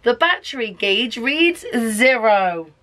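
A mum putting on a timid little alien. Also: female voice, a little high, lively intonation, takes it slowly, sharp tone, heavily acted. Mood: worried. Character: small timid alien boy visiting a town.

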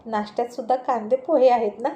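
A woman narrator lends her own mellow, slightly high voice to a mischievous husband in his forties. He jokes and teases his wife in a playful storybook scene. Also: fairly even intonation, quick pace, dull audio, close to an everyday voice. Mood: teasing. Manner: joking, teasing.

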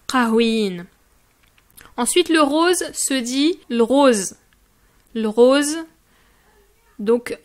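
A woman teaching vocabulary, saying each word three times with clear articulation. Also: high voice. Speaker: language teacher. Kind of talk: vocabulary lesson.

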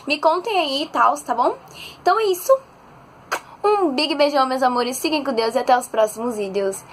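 Woman, bright high voice, bubbly animated storyteller, casual bedroom vlog. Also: normal speed, a little hiss or hum. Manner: chatty and excitable, animated storytelling. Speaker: vlogger. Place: bedroom at home.

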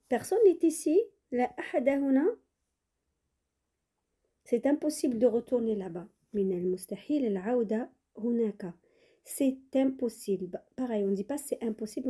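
A woman teaching French phrases in a lesson, saying model sentences slowly and repeating them, with quick explanations in between. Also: fairly high pitch, dark tone, breathy edge. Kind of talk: bilingual language lesson.

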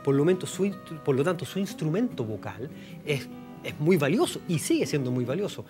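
Fast-talking man hosting. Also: a little high, big pitch swings, over music. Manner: playful, joking, quick questions. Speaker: TV show host. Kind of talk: casual TV talk show chat.

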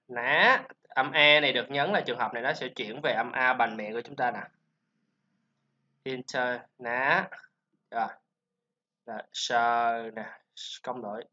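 A man with a Vietnamese accent teaching English pronunciation, drilling sounds and syllables slowly with chatty asides. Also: medium pitch, sharp tone. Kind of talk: informal pronunciation lesson. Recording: slightly dull lo-fi sound.

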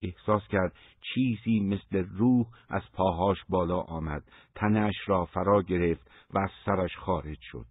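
Male audiobook reader, deep and husky, measured pacing, dry phone-like recording. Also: dry recording. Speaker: audiobook narrator. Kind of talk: scripted audiobook narration. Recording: dry, phone-like narrow sound.

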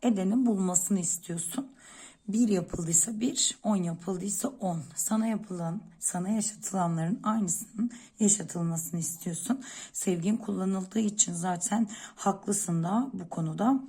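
A woman's voice: medium pitch, unhurried, warm tone, slightly rough. A woman speaking as a coffee-cup fortune teller, giving unscripted predictions and advice directly to one listener in a searching way.

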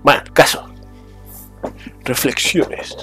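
A vlogger from Spain muses aloud slowly in a rambling, casual monologue full of restarts and small fillers. His voice drifts between a hushed murmur and a brighter, livelier tone, with faint music playing underneath.

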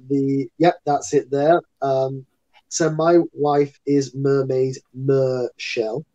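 Chatty man with a dark voice. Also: medium pitch, dull audio. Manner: chatty, rambling storyteller. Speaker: guest entertainer and actor. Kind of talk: casual interview chat.

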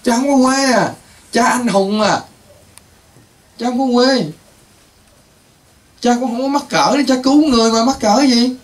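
High-voiced scolding priest. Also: male voice, measured pace, pauses often. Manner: scolding, rambling, exclaims often. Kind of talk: scolding talk to patients.

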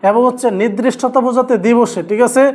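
A man's voice: extremely high pitch, fairly even intonation, fast talker, darkish tone. A man teaching an English grammar lesson, asking students repeated rhetorical questions as he drills each rule. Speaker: English tutor.

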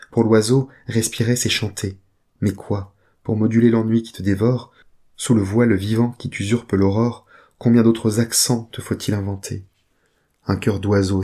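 Deep, husky man reading poetry. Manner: steady recitation, reading titles and poem numbers aloud. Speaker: reader.

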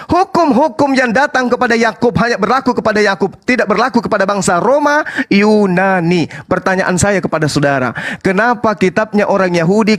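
High-voiced man, taunting in a heated debate. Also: a bit bright. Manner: taunting, mocking, presses questions.

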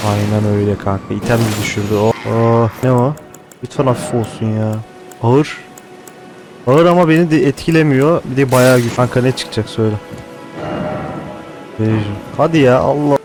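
Brief: excitable male gaming host, mid-pitched voice, chatty play-by-play over game music. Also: normal speed, long pauses, rough recording. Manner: excitable, swears casually, thinks aloud. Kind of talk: casual gameplay commentary.

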